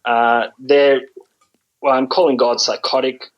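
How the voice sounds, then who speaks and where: A man's voice: mid-range voice, flat delivery, unhurried, lo-fi sound. A man talking casually on a podcast, sarcastic and rambling, with frequent ums. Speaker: podcast guest.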